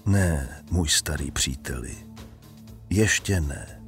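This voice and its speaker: A man voicing a cruel, mocking female Death in an audiobook, speaking in a cold, taunting, hushed way. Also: low-pitched, soft background music, natural voice. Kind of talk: audiobook character voice.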